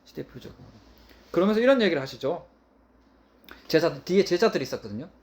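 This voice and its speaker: A man's voice: fairly high pitch, very animated, fast, darkish tone. A male pastor preaching a sermon in an emphatic way, often repeating his key phrases.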